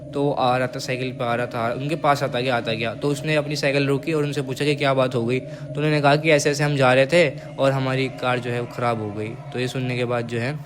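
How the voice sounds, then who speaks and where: A young man casually telling a horror story, repeating phrases for suspense and dropping his voice to a hush. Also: mid-range voice, flat delivery, fairly quick, noisy background.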